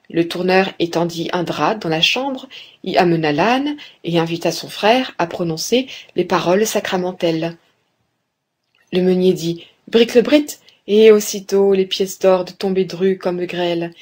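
A woman reading a fairy tale aloud in a calm storybook manner, now and then speaking straight to the reader. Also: on the low side. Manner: calm, clear storybook narration, addresses the reader.

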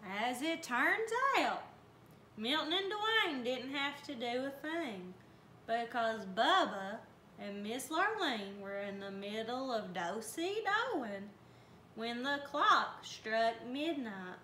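Brief: woman volunteer storybook reader, slow and expressive, roomy sound, faint noise. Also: on the high side. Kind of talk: storybook read aloud.

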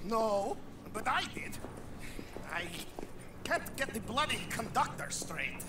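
High-pitched eccentric mad professor. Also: male voice, very animated, background noise, full character voice. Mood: irritated, flustered. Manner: halting, muttering, condescending. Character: eccentric mad professor, arrogant, excitable foreign male inventor. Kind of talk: video game character acting. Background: game ambience.

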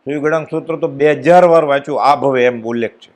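A man giving a devotional discourse at a spiritual gathering, telling stories and acting out the dialogue with sudden rises and drops in his voice. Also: quick pace. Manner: animated storytelling, acts out dialogue with swings in pitch and loudness. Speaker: spiritual speaker at a satsang.

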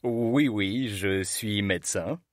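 A man's voice: no echo, clean studio sound. A man voicing a self-assured man passing himself off as a doctor in a language-app story, with a distinctly French voice. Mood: smug. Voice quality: slow, low, distinctly French voice. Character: slow-talking man posing as a French doctor.

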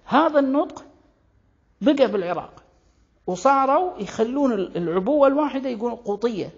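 A speaker with a Kuwaiti accent explains word origins in a rhetorical, question-and-answer style. The voice is gravelly with a husky edge, at a middle pitch. The recording sounds dull and lo-fi. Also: expressive, a little fast. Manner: rhetorical, poses questions and answers them, breaks in with "wait, wait". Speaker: language commentator.

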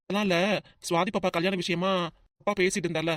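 A woman's voice: fairly low pitch, dry recording, clean studio sound, close to an everyday voice. A woman voicing a patient middle-aged shopkeeper husband and father in a cartoon family comedy. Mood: reassuring. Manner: calm, reassuring, hurried.

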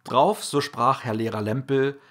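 A man narrating a children's verse tale with expressive storybook reading, calling out the sound words loudly and dramatically. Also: medium pitch, a little slow.

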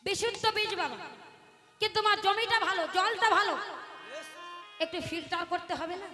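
A woman's voice: extremely high pitch, moderate pace, a crowd in the background. A woman kirtan singer giving a devotional sermon, telling stories with acted dialogue and leading the audience in call-and-response chants. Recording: live stage with long reverb and music.

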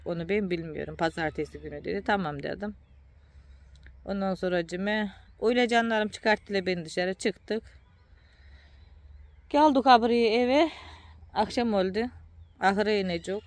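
A woman's voice: mid-range voice, no room sound. A tired woman, chatting casually to her viewers as a vlogger and often calling them dear ones.

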